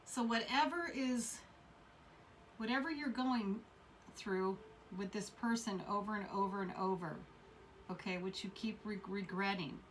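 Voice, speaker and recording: A woman's voice: medium pitch, a little slow, fairly bright tone, distant mic, a little hiss or hum. Rambling woman reading tarot cards. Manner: rambling, repeats words, many fillers. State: coughing fits. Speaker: tarot reader. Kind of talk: casual tarot reading to camera.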